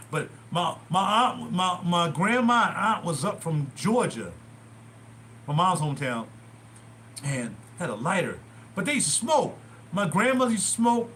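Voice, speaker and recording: A man's voice: high-pitched, a little hiss or hum. A man in his sixties rambling through stories from his youth on a casual livestream, recorded in a small bathroom at home. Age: 60s. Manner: rambling, animated, digressive. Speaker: livestream host. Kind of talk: casual storytelling.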